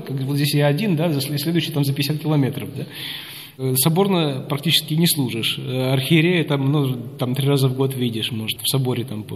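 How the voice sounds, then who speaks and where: A man in his fifties from Russia, an Orthodox priest, telling long anecdotes in an interview with many hesitant filler sounds. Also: mid-range voice. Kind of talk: interview storytelling. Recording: long hall reverb.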